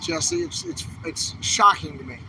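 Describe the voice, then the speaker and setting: Holding a phone camera on a city street, a man livestreams an impassioned, angry rant, repeating calls to action in fiery exhortation. His high, gravelly voice swings hugely in pitch and sounds pushed and bright at a measured pace, on a low-quality recording with some hiss or hum.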